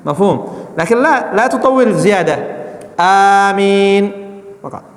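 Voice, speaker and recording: A man's voice: fairly high pitch, fairly quick. A man teaching a mosque class, often checking that his listeners understand and demonstrating chants aloud. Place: large mosque hall. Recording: echoey hall, long reverb.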